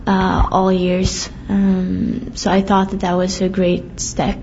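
Brief: young Swedish student athlete, steady flat delivery, lots of "uh" and "like". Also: female voice, medium pitch, takes it slowly, highs cut off, a little hiss or hum. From Sweden. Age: young adult. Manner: hesitant, many fillers. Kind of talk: interview answers.

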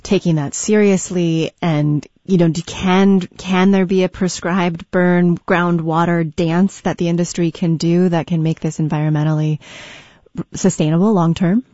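A woman hosting a radio call-in show with a smooth, easy delivery, bringing in callers and guiding her panel. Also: lowish voice, steady tone, measured pace, mellow, no echo, lo-fi sound.

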